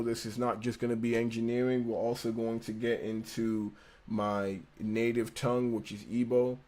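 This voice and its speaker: A young American man with a lowish, slightly mellow voice and a slight lisp hosts a casual livestream. He reads an engineering textbook aloud in a laid-back, slangy way, stumbling and going back over lines.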